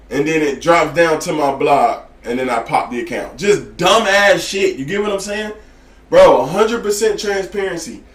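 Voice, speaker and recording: A trading educator with a slightly high voice teaches day trading in an echoey room. His talk is casual, profane, blunt, and slangy, and he often asks whether you get what he's saying.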